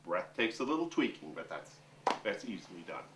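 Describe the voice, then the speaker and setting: This middle-aged opera singer and vocal coach speaks fairly quickly in a low voice with big swings in pitch, giving a chatty, humorous lesson to camera in a room with a piano. The background is noisy, and the distant mic adds a roomy sound.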